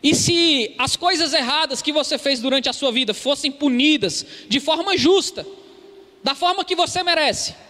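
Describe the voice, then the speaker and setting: A Brazilian preacher delivers an earnest sermon in a very high, bright, forceful voice. He keeps calling his listeners brothers. His words ring out with a long reverb, as in a church hall. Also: animated, normal speed. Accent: Brazilian Portuguese. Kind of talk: expository sermon.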